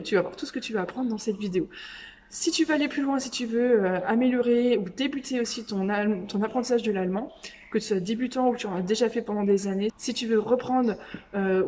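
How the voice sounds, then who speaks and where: A woman teaching German vocabulary in a casual, chatty way, seated beside a swimming pool and saying each German word slowly and clearly. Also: mid-range voice, darkish tone, slight background noise.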